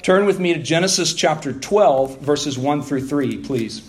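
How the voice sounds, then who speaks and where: A man's voice: a little high, expressive, measured pace. A man preaching into a pulpit microphone. He walks the congregation through scripture passages, reads them aloud, and puts rhetorical questions to his listeners. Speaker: pastor. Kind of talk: expository sermon.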